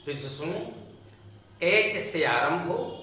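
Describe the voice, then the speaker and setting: A man teaching an English grammar lesson in Hindi, slowly repeating each example aloud. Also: fairly high pitch, lively intonation, bright, forceful tone. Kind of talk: slow classroom lecture. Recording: echoey room, distant mic, faint noise.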